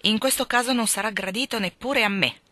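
A woman voicing a bitter, brooding aristocratic man who speaks gravely. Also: fairly high pitch, brisk, pushed and bright, no echo, pitched above the performer's own voice.

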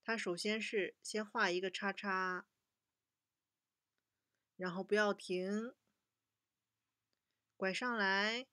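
A young woman teaching a children's language lesson, patiently slowing down to model each word for repetition. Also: medium pitch, steady tone, bright, forceful tone, clear, resonant tone, no room sound, clean studio sound.

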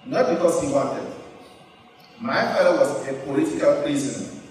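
A man's voice: fairly high pitch, moderate pace. Cameroonian man speaking in an echoing hall. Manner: storytelling, animated gestures. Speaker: keynote speaker. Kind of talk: motivational speech to students. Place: large wood-panelled auditorium stage. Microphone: handheld mic. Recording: echoey hall, picked up from far.

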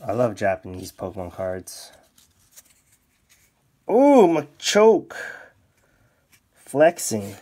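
A man casually commenting as he opens card packs off camera, bursting into high excited exclamations. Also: extremely slow, long pauses. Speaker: card-opening YouTuber. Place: indoors at a desk, off camera.

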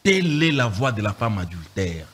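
A man, a pastor teaching from the Bible in an animated, emphatic way, repeating phrases and firing rhetorical questions. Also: on the low side, moderate pace, a little hiss or hum.

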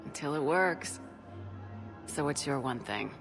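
A woman voicing a steady, wry, affectionate military space commander in a video game, understated and dryly teasing. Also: low voice, unhurried, over music.

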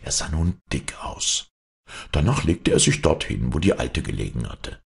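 A man narrating a fairy tale for an audiobook with an expressive, swinging delivery. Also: a bass voice, moderate pace, gravelly, slightly rough. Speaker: storyteller.

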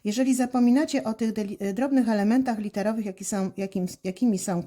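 A woman teaching children handwriting, explaining each stroke slowly and calmly, with frequent hesitation fillers. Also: mid-range voice. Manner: calm, deliberate, many "e" fillers. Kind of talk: slow step-by-step instruction.

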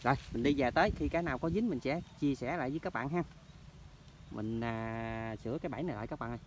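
A chatty man with a Mekong Delta Vietnamese accent, talking to his viewers as he walks outdoors with a handheld camera. His voice sits at an ordinary pitch, and a faint rural outdoor hum runs beneath it. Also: fast. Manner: chatty, keeps addressing viewers as friends. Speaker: hunting vlogger. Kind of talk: casual outdoor vlog narration. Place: outdoors in rural orchard and canal banks.

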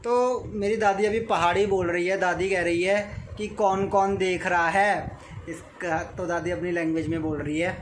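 A young man with a high-sitting voice talks at a moderate pace with fairly even intonation. He's filming a casual vlog indoors at the family home, playfully coaxing a small child. The recording is noisy.

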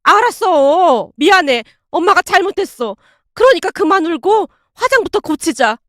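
A woman's voice: very high-pitched, big pitch swings, moderate pace, no room sound, clean studio sound, pitched above the performer's own voice, exaggerated voice. Woman doing a nasty old mother-in-law, scornful, swoops all over the place. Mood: pleading. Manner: scornful, shouting. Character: shrill bullying older mother-in-law.

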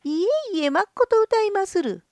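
A woman's voice: expressive, normal speed, no room sound. A woman voicing a greedy, fawning male peddler in a folk tale, calling out like a street hawker. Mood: pleading. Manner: shrill, fawning, hawker's calls.

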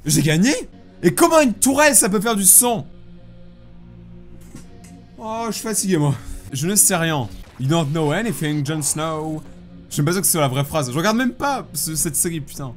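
A young man commentating his own game playthrough in a joking, self-mocking way, with sudden loud outbursts. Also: high-pitched, normal speed, pauses often. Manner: animated, self-mocking, bursts of shouting. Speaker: gaming YouTuber. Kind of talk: joking let's play commentary. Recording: faint background music.

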